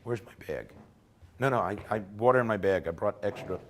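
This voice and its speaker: In a lecture room, a man with a lowish, animated voice runs briskly through an informal technical workshop talk even as he loses his voice. Conversational throughout, he keeps checking in with "okay?" at the end of points.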